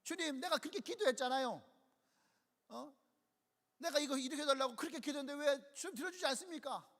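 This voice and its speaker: A frustrated believer who pleads and complains in prayer, firing one question after another, as a male preacher acts him out. The voice sits very high. It rings with a long hall reverb. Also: fast, fairly bright tone. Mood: pleading.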